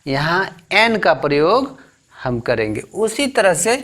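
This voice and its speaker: A man's voice: sits high, big pitch swings, slow pace, a bit bright. A man with an Indian accent teaching English grammar, asking rhetorical questions and repeating words as he explains. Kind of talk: classroom lesson explanation.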